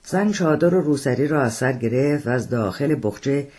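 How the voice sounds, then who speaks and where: Husky male author reading his own novel, measured audiobook narration. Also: mid-range voice, animated, a little mellow.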